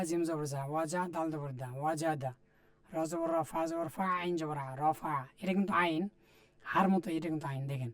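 A man teaching Quran reading, patiently spelling out Arabic letters and vowel marks, with a Bangladeshi Bengali accent. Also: a little high. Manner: patient, repetitive, addresses viewers directly. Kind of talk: spelling drill lesson, letter by letter.

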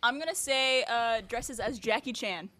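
A woman's voice: on the high side, moderate pace, sharp tone. A woman playing along as a contestant on an improv comedy panel show, tossing out puns and giggling. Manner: playful punning, giggly. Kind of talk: improv game show banter.

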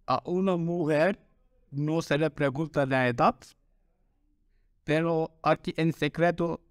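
A man with a Turkish accent works through viewer questions in careful, halting Spanish and repeats the words that trip him up. His voice sits high for a man and comes across crisp and clear. The recording is dry and close. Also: fairly even intonation, no room sound. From Turkey. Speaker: vlogger. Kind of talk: Q&A vlog, reading fan questions.

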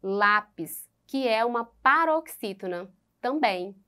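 A woman teacher with a Brazilian Portuguese accent giving a recorded school lesson, slow and patient, spelling out syllables and repeating words. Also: on the high side, expressive, bright, forceful tone, smooth.

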